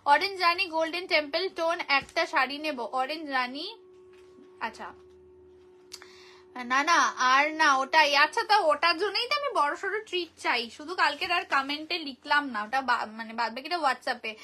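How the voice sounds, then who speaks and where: A woman's voice: sits high, sharp tone. A woman with a Kolkata Bengali accent hosting a casual live sale of saris, chatty and repeating prices, her voice tired. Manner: chatty, repeats prices, greets viewers by name. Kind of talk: casual live-stream sales chat.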